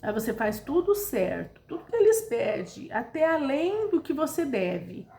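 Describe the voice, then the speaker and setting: Brazilian woman vlogger with a slightly high voice, chatty retelling of a work story. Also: very animated, unhurried, gravelly, mellow, reverberant. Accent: Brazilian Portuguese. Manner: chatty, addresses listeners directly, retells quoted dialogue. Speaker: vlogger telling a personal story. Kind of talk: casual storytelling.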